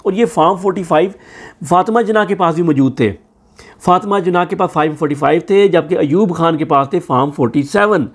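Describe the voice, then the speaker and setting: A man's voice: a little high, brisk. A man with a Pakistani Urdu accent giving sarcastic political news commentary, hosting his own channel. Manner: sarcastic, mocking.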